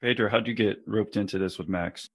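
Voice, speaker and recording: A man's voice: fairly low pitch, brisk, breathy edge. A man asking casual questions as an interview host.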